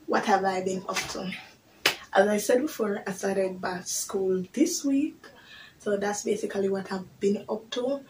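A woman's voice: medium pitch, unhurried, a little mellow, slight background noise, low-quality recording. A woman, chatting candidly to camera in a small bedroom, rambling from one update to the next. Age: 20s. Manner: chatty, candid and rambling, with creole-flavored grammar. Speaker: vlogger. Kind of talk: casual chat to camera. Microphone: device camera on a desk.

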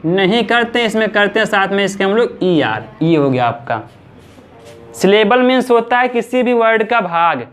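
A man teaching English grammar, asking questions and answering them himself, stretching out example words slowly. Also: high-pitched, big pitch swings, a bit bright, soft background music. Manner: repeats points slowly, drawing out example words. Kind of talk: classroom-style grammar lesson.

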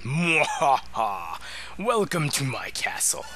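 A man voicing a gloating evil warlock lord from a video game with slow theatrical menace. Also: medium pitch, big pitch swings, sharp tone, soft background music, heavily acted. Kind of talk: reading game dialogue aloud in character.

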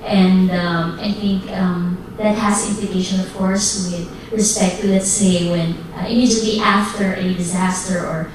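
A woman's voice: medium pitch, a little hiss or hum. A woman with a Filipino accent asking questions from the floor of a workshop, hesitant and full of fillers. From Philippines. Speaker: workshop participant. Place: hotel conference room. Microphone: handheld microphone through room speakers. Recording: very echoey hall from far off.

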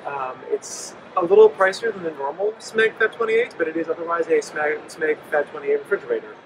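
Fairly quick and slightly high-voiced, this forties-aged company representative fills his product pitch with ums. He's being interviewed on a noisy trade show floor in a crowded convention hall, captured on the interviewer's handheld microphone.

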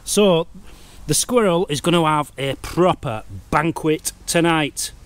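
A middle-aged man narrating a wildlife camera vlog outdoors in a wood, in a chatty, easily excited way. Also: on the high side, takes it slowly, dry recording. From United Kingdom. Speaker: wildlife vlogger. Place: woodland outdoors.

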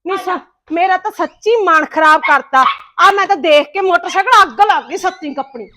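Woman playing a shrill scolding jealous wife. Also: normal speed. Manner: nagging, quarrelsome, sharp-tongued. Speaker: actor in a family comedy skit.

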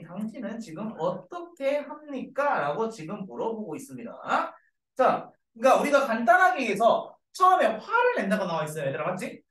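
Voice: mid-range voice, a bit bright. An English teacher giving a classroom grammar lecture to middle school students, repeating each point and checking in with them often. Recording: echoey room, mic far off.

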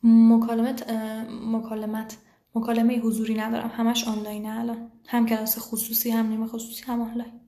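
A woman teaching English to Persian speakers in a live online class, answering viewers' questions casually and saying English words slowly with a Persian accent. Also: on the high side, monotone, mellow, roomy sound. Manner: chatty, switches to slow careful English words.

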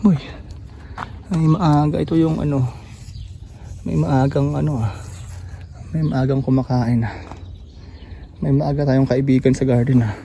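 A man with a gravelly, mellow voice strolls through his backyard garden, talking casually and pointing things out with plenty of fillers. He sounds a bit winded, and faint outdoor noise sits behind him. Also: mid-range voice, fairly even intonation, measured pace, pauses often. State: slightly out of breath after jogging. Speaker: gardening vlogger.

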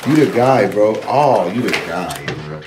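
A man's voice: on the low side, animated, a little slow. A man hyping up his friend in repetitive, slangy casual banter. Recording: echoey room with loud noise.

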